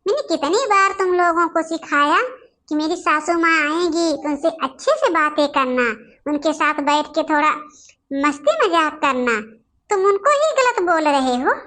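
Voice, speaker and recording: A woman's voice: high-pitched, lively intonation, moderate pace, sharp tone. A woman voicing a young wife and elder sister in a family cartoon, lecturing her brothers. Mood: scolding. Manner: scolding, lecturing.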